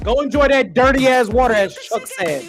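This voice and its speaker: A fan host calling a basketball game live, with profane, exasperated rants that burst into shouting and dry sarcastic asides. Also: mid-range voice, normal speed. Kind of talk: live game reaction and play-by-play commentary. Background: faint background music.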